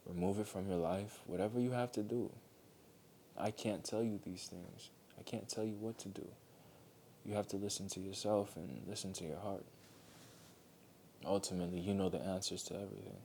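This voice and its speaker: A man with a fairly low voice delivers a heartfelt motivational monologue. He speaks earnestly and gently, circling back to repeat key phrases. A faint low rumble runs behind the recording. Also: normal speed.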